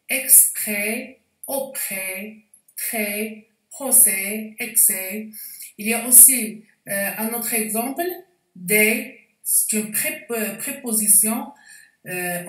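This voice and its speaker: A woman teaching a spelling lesson, explaining slowly and carefully with frequent hesitations. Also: medium pitch, fairly bright tone. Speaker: French teacher. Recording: echoey room, voice distant from mic.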